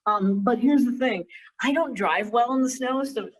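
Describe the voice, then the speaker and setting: A woman's voice: on the high side, normal speed. Woman comic in an echoey bathroom. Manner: rambling, self-mocking storytelling. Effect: echoey bathroom sound. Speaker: stand-up comic. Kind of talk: stand-up set over a live stream. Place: bathroom with hard walls. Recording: echoey bathroom, far from mic.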